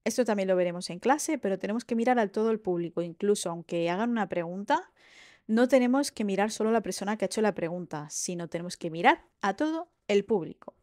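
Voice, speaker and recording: A woman lecturer giving a recorded university lesson, explaining in a lively way and checking in with "¿vale?" and "¿sí?" as she goes. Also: medium pitch, quick pace, no room sound, clean studio sound.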